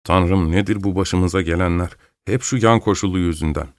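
A man giving voice to a sheepish coachman in a storybook reading, grumbling in a low, hushed mutter. The recording is dry and close. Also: moderate pace, no room sound, close to an everyday voice. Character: grumbling frightened male coachman.

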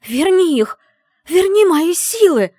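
A woman's voice: fairly high pitch, very animated, brisk, breathy edge, no room sound, studio quality. A woman voicing a defiant young witch student who snaps back in angry outbursts, in an audiobook. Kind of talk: audiobook dialogue reading.

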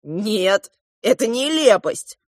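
A woman's voice: mid-range voice, big pitch swings, slow, darkish tone, dry recording, clean studio sound, voice pushed up. Woman voicing a blunt, scornful boy. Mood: insistent.

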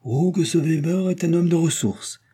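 A man's voice: mid-range voice, expressive, moderate pace, warm tone, slightly rough. A man reading aloud and voicing a genial, well-fed king who talks in a hearty, insistent way. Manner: hearty, insistent, fond of his food.

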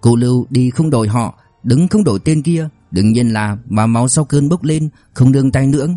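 A man narrating a novel as an audiobook in a brisk storytelling manner. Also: mid-range voice, warm tone, no room sound, faint music behind.

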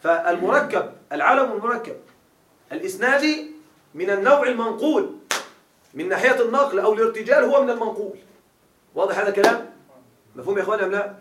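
A man's voice: high voice, fast, long pauses, a bit bright, a little hiss or hum. A man teaching a grammar class, quizzing his students with repeated questions as he explains. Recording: echoey room, mic far off.

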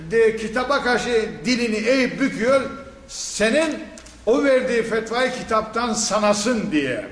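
A man with a high voice teaching scripture commentary, animated and scolding, throwing out rhetorical questions with a scornful laugh. His voice rings through a large echoey hall with a long tail of reverb. Faint room ambience sits underneath. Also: a little slow, slight background noise. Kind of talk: tafsir lesson sermon.

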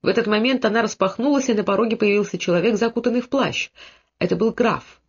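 A narrator reading a historical novel aloud in measured, scripted narration. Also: medium pitch, husky. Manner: measured storytelling. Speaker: audiobook narrator. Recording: dull lo-fi audiobook recording.

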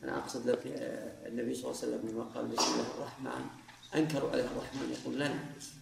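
A man in the lesson, a student, quickly putting a probing question to the teacher. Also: medium pitch, little pitch movement, creaky, very noisy. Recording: roomy echo.

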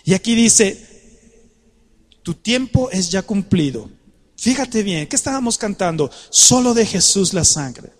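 A man preaching a sermon, animated and conversational, coaxing the congregation to join in. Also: sits high, a little slow, in a large hall.

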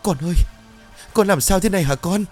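A man voicing a distraught middle-aged mother, crying and pleading in a raised high voice. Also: lively intonation, normal speed, a little mellow, soft background music. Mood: wailing grief.

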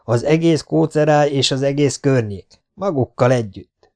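A man's voice: mid-range voice, dark tone, voice pushed up, close to an everyday voice. A man voicing a tough male commando who answers his besiegers with sarcastic defiance. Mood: defiant. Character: tough, wry male commando under siege.

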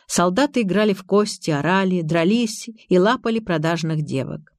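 A woman reading a novel aloud as an audiobook narrator, in calm, measured scripted narration. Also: fairly low pitch, no echo, studio quality.

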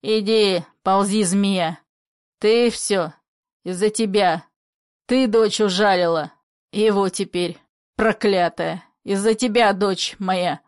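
A woman doing a shouting bitter old father. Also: mid-range voice, fairly even intonation, slow, dry recording, studio quality, natural voice. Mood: angry. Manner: furious shouting. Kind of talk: play reading.

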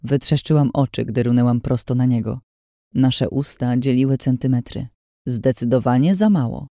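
A man narrating a novel aloud in a steady first-person storytelling manner. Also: medium pitch, normal speed, no room sound, studio quality. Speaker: audiobook narrator. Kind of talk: scripted audiobook narration.

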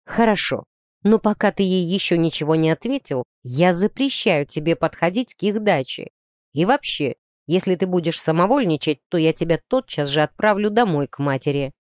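A woman's voice: on the low side, expressive, moderate pace, darkish tone, no room sound, studio quality, natural voice. A woman reading aloud, voicing a stern grown man who scolds his nephew in a strict, reproachful way. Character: stern adult man, an uncle.

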